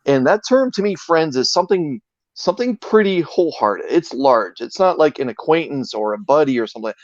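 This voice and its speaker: A man's voice: on the high side, expressive, a little fast, no room sound. A man as an interview guest, telling anecdotes in a casual, earnest way and often searching for his words. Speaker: interview guest, video creator. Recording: dull, dry lo-fi sound.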